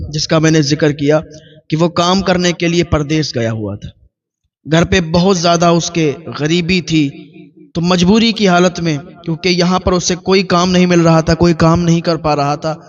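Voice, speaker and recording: A man preaching with a high-pitched voice, building his story through repeated, list-like phrases. The recording is dull and lo-fi, with muffled highs. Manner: repetitive, listing cadence. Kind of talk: storytelling sermon.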